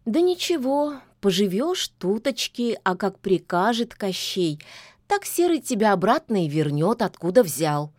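A woman's voice: mid-range voice, big pitch swings, measured pace, a little mellow, no echo, studio quality. Woman doing a mocking folksy kikimora. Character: sly down-to-earth female kikimora house spirit.

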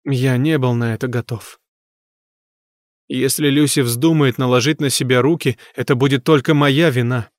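A man's voice: medium pitch, fairly even intonation, normal speed, no echo, studio quality. A man narrating a novel in a tense, grave manner. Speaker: audiobook narrator. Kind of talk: scripted narration of a horror novel.

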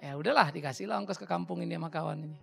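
A middle-aged male pastor speaks quickly in a high, gravelly voice. He is blunt and animated, acting out the people in his stories. He answers questions from the congregation in a church hall. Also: faint music behind. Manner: blunt, animated storytelling with mimicked dialogue. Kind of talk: sermon Q&A, anecdotal.

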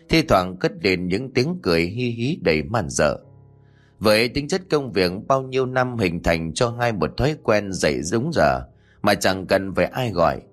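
A man narrating a spooky audiobook story, now and then voicing the characters' quoted lines. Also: lowish voice. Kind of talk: scripted horror story narration.

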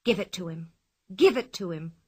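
A woman's voice: fairly low pitch, lively intonation, moderate pace, a little mellow, slightly rough. A woman voicing a cocky young bully in a storybook reading, swaggering and mocking. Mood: rough. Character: cocky bullying boy, gang leader.

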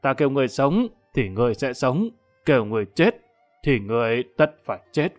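A man's voice: medium pitch, animated, a little fast, soft background music, close to an everyday voice. A man voicing an arrogant, sneering corrupt magistrate in an audiobook, with theatrical menace. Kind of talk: audiobook character acting.

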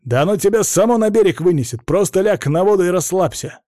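A man voicing an irritated husband who shouts and mocks his wife. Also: high voice, animated, fast talker, no echo, studio quality, voice pushed up. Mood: angry shouting. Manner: shouting, sneering.

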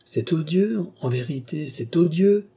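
A man voicing an irascible aging nobleman scolding his daughter in an exasperated, sharp manner. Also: medium pitch, animated, moderate pace, husky.

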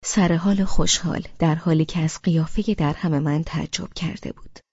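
A woman narrating a novel in the first person, with expressive storytelling. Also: low-pitched, breathy edge, no room sound, highs cut off. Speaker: audiobook narrator.

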